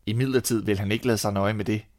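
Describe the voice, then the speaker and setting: Danish man reading a fairy tale, low. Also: dry recording, studio quality. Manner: calm, measured storytelling. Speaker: storyteller.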